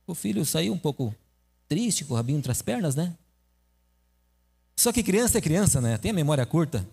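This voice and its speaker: A man's voice: fairly high pitch, very animated, normal speed, gravelly, a little mellow, slightly rough. A man preaching a sermon in a church, telling a story and asking his listeners questions. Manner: conversational, asks the audience questions. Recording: echoey hall reverb.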